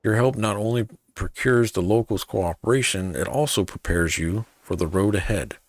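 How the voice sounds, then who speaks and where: A man voicing a gruff, wily old pirate sailor in archaic seafaring dialect for a video game quest. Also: fairly low pitch, normal speed, no echo, lightly acted.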